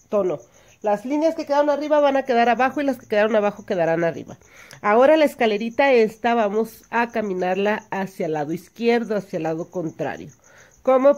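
Teaching hand embroidery step by step, a woman patiently counts stitches out loud and checks in with her listeners. Her voice sits in the mid-range and has a slightly mellow quality.

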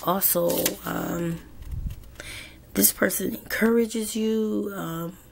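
A woman with a sore throat giving a tarot reading, hoarse and half-whispering, hesitant with many pauses. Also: medium pitch, fairly even intonation, background noise. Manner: slow and hesitant, many ums. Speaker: tarot card reader.

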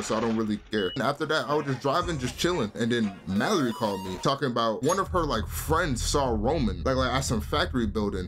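A man hosting a let's play, talking casually in a rambling, slangy way. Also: medium pitch. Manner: rambling, slangy, keeps saying "bro". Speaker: gaming channel host. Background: game music.

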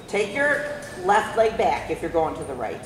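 A riding instructor with a lowish, sing-song voice coaches a horse rider live at normal speed, using short commands she repeats frequently. The mic is distant, and the large indoor arena makes the audio very reverberant and echoey, with a faint layer of noise.

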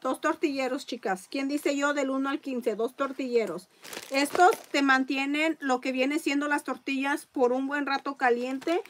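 A woman hosting a casual live-stream raffle, chatting along and reading viewer comments out loud. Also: sits high.

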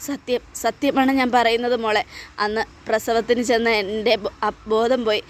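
A woman reading as a grieving middle-aged mother in a TV serial retelling, tearful and apologetic. Her voice stays high and plain. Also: steady tone, moderate pace, lightly acted. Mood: confessing.

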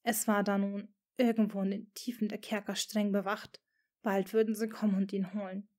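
A woman's voice: medium pitch, level tone, normal speed, darkish tone. A woman reading a fan-fiction story aloud as dramatic audiobook narration.

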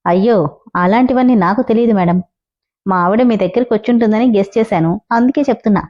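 Cocky smug young guy read by a woman, highish, mellow tone, bit muffled. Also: fast talker, close to an everyday voice. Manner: calm, teasing, self-assured. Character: confident scheming young man, mocking and cool.

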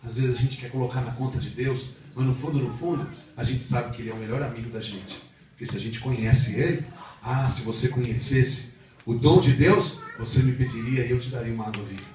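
A man with a Brazilian Portuguese accent preaching a sermon with personal testimony, heartfelt and at times animated. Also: mid-range voice, brisk, slight background noise. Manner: heartfelt storytelling, rising to animated emphasis. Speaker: missionary preacher. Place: chapel. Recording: echoey chapel from far off.

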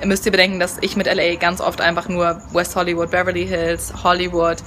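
This is a woman's voice, fairly low and fairly bright, delivered completely flat at a brisk pace. She's a young vlogger chatting bubbly and casually with plenty of fillers while filming herself by phone at arm's length outside a house and hotel pool. The outdoor phone audio carries background noise.

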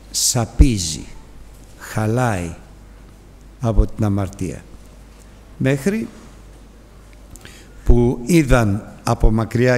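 A male preacher giving a sermon, telling the story dramatically with big swings in pitch and loudness. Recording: long hall reverb.

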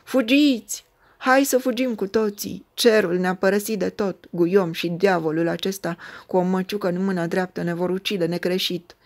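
A woman's voice: lowish voice, flat delivery, hardly any pauses, darkish tone, natural voice. A woman reading aloud voices a panicking older male enemy king who howls in despair, tearing at his beard. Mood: panicked. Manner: howling, despairing.

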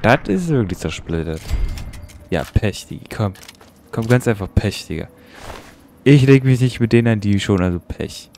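A man's voice: fairly low pitch, expressive, normal speed, vocal fry, long pauses, noisy background. A young man giving casual, slangy let's-play commentary and swearing at the game. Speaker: gaming YouTuber.

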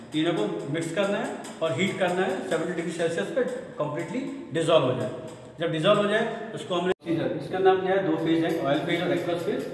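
A man's voice: on the high side, a little hiss or hum. A man teaching a pharmacy lab class, asking the students questions and then answering them himself. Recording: echoey room from far off.

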